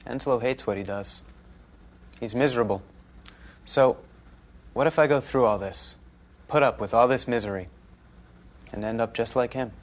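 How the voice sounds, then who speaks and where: A man's voice: mid-range voice, normal speed, long pauses, close to an everyday voice. Fed-up young man resident, broke and complaining, as an actor plays him. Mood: frustrated. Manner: complaining, frustrated. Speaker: medical resident.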